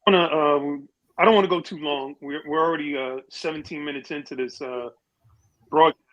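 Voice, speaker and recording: A man joining a live stream by earphone mic, speaking haltingly with fillers while his volume keeps cutting in and out. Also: fairly high pitch, steady tone, fairly bright tone. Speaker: coalition member on a live stream. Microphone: earphone mic on a remote call. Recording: dull lo-fi call audio, distant, dropping level.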